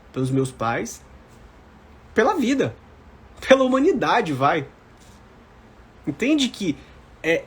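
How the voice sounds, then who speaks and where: This mentor, roughly forty and speaking with a Brazilian accent, has a high-pitched, slightly rough voice. He offers live-stream viewers preparing for civil service exams informal, emphatic motivational coaching, hammering home key phrases through repetition.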